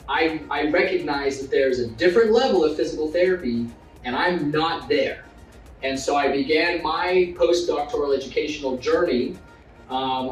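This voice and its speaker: A man speaks earnestly about his work as a physiotherapy instructor, now and then pausing on an "um". He sounds set back from the mic in an echoey room, with faint music underneath. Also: a little high, far from the mic. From Zimbabwe. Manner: earnest, with filler words. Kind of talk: casual interview talk.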